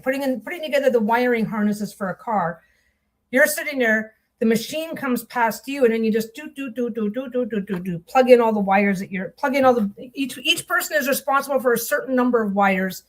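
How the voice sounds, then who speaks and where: A woman with a fairly high voice chats as she sews on camera for her vlog, the audio poor. She rambles through stories, restarting and cutting herself off, with distracted asides about her sewing.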